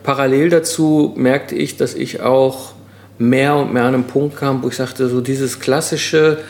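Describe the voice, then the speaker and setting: A middle-aged man speaks as a podcast guest, mid-pitched and reflective. He talks things through at length, restarting his sentences and filling pauses. The room around him rings with noticeable echo. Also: fairly even intonation, darkish tone. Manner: reflective, explains at length with many fillers and restarts. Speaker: podcast guest, solo entrepreneur. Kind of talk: casual conversational interview.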